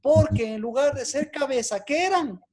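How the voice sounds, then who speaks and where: At normal speed and with a voice that sits high, a woman preacher gives an interactive Bible lesson; she repeats her questions to the audience and gets excited by what they answer.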